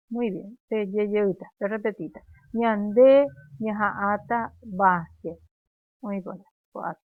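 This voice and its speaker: A woman with a Paraguayan accent teaching a language class, speaking slowly and clearly and repeating phrases for students to echo. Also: medium pitch. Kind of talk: classroom lesson, drilling conjugations. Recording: dry, phone-like narrow sound.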